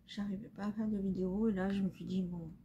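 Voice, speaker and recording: A young woman talking casually while doing her makeup at home, soft-spoken and halting, full of pauses and fillers. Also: mid-range voice, fairly even intonation, slight background noise. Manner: hesitant, halting, many fillers; soft and subdued. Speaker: beauty vlogger. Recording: slightly dull recording, faint room ambience.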